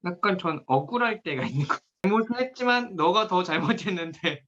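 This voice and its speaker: Casting: frank father, bright and slightly high voice, a bit dull sound. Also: lively intonation, fairly quick, a little hiss or hum. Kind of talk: casual parenting talk.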